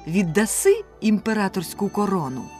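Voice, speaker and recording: A woman's voice: mid-range voice, wildly swooping pitch, normal speed, a little mellow, faint music behind. A woman doing a small coaxing nightingale. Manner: bargaining, coaxing. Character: small gentle male nightingale.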